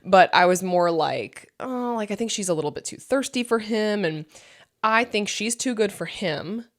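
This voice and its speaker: A woman's voice: medium pitch, animated, moderate pace. A woman in her early thirties co-hosting a podcast, chatting casually and acting out what people said. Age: 30s. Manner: chatty, lots of "like" and quoted asides. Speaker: podcast co-host. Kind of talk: casual chat.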